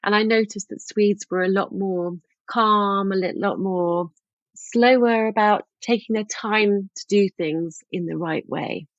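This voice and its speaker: A woman's voice: medium pitch, a little slow, no echo, dull audio. A middle-aged woman from England, a guest author telling stories in a casual podcast interview, chatty with frequent ums.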